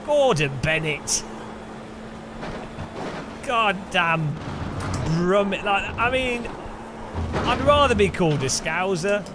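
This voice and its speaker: A man with an English Midlands accent commentates a sim racing live stream with jokey, animated banter and sudden high-pitched outbursts. He takes it slowly with long pauses, and there's background noise.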